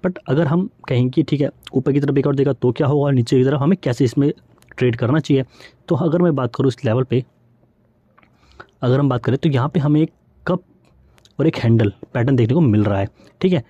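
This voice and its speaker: Fast-talking man explaining stock charts. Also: medium pitch, dark tone, husky, no echo, lo-fi sound. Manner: brisk, repeats "theek hai" often, mixes English terms. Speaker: stock market educator. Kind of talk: fast screen-share chart walkthrough.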